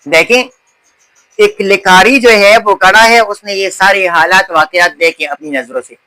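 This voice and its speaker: A man with a high, bright voice gives a lecture as a teacher. He keeps asking questions and answering them himself. He lingers on key words, repeating them slowly and carefully. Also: poor audio. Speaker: Urdu teacher. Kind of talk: classroom-style lecture.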